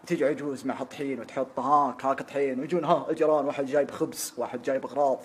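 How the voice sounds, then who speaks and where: A man telling a comic history story, animated and acting out every character. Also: mid-range voice, very fast, slight background noise.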